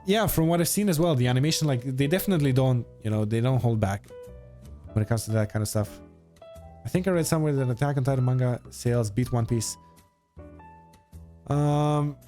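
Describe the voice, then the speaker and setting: Man, twenties, Croatian accent, mid-range pitch, casual livestream chat, informal and opinionated, music in the background. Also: darkish tone. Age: 20s. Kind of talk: casual livestream chat answering viewer questions. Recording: music behind the voice.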